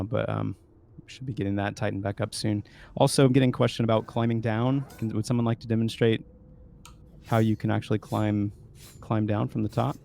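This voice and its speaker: A man's voice: fairly low pitch, vocal fry, slight background noise. A man chatting casually as a game developer on a stream, explaining features over a headset. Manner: explains features quickly in a flat tone. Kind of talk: casual gameplay chat.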